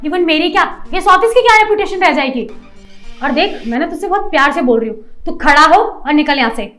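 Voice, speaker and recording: A woman's voice: sits high, lively intonation, fairly quick, fairly bright tone, soft background music. A woman playing a rude, haughty office manager in a short skit, talking down and scolding. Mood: scornful. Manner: scolding, bossy, condescending.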